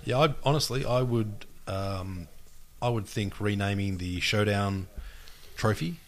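A man's voice: on the low side, measured pace. A man in a casual chat, chipping in with brief, dry remarks.

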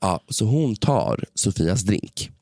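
A man's voice: lowish voice, slightly rough, dry recording, studio quality. A young man co-hosting a casual chat podcast, telling a gossipy story with lots of swearing and acted-out quotes. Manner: animated, swears freely, acts out quotes. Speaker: podcast co-host.

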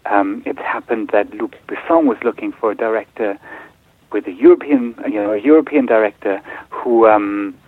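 Over a tinny line that sounds like a phone, a German-raised film director fumbles through interview answers, restarting often and filling gaps with ums. His voice is on the low side, normal in speed, with no echo.

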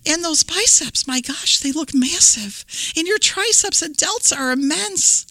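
Woman doing a high, eager little ninja girl. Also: huge pitch swings, a little slow, bright, forceful tone, slightly rough, no echo, exaggerated voice. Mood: amazed. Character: plucky young girl ninja.

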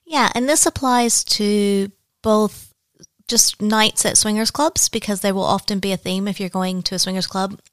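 A woman's voice: mid-range voice, fairly even intonation, moderate pace, no echo, studio quality. A woman co-hosting a podcast, explaining things in casual, conversational chat. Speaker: podcast co-host.

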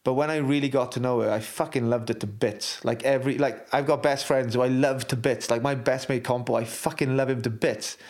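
A man's voice: medium pitch, steady tone, brisk, hardly any pauses, a little mellow. A middle-aged man, a former rugby player, talking frankly and swearing freely as an interview guest, full of restarts. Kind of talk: candid interview talk.

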